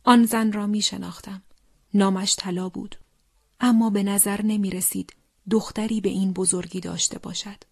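A woman reading a wartime testimony as scripted narration, solemn and slow, often sinking into a hushed whisper. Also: medium pitch, steady tone, husky, no echo, clean studio sound.

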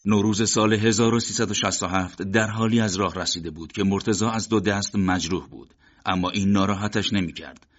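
A man narrating an audiobook in a steady, solemn reading. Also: on the low side, lo-fi sound.

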